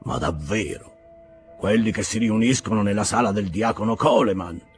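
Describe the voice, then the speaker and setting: A man voicing a stern, pious old whaling captain with a deep, sepulchral voice and a slow, severe delivery. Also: soft background music, close to an everyday voice.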